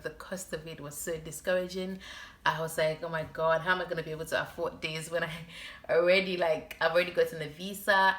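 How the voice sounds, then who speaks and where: Young female vlogger, sore throat, lowish bright voice, chatty and expressive storytime delivery. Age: young adult. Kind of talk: casual personal storytime to camera.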